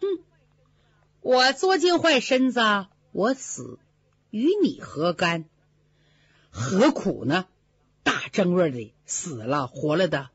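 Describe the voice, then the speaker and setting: A woman's voice: fairly low pitch, very animated, slow, pauses often, breathy edge, dry recording, pitched below the performer's own voice, heavily acted. A woman voicing a frail, touchy young noblewoman who speaks in sulky reproaches, in a dull, dry recording.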